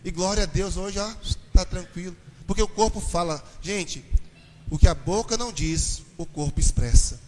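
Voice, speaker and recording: A Brazilian man, a pastor, giving a lively church talk on marriage and questioning his audience. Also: high-pitched, moderate pace, a little hiss or hum. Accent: Brazilian Portuguese. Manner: animated, addresses the audience with questions. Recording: reverberant hall, distant mic.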